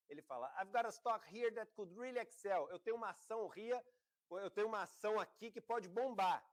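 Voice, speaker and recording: A man with a Brazilian Portuguese accent teaching an investment class in a conversational, explanatory way. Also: high voice. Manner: explanatory, conversational, acts out quoted voices. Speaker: investment course instructor. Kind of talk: classroom lecture.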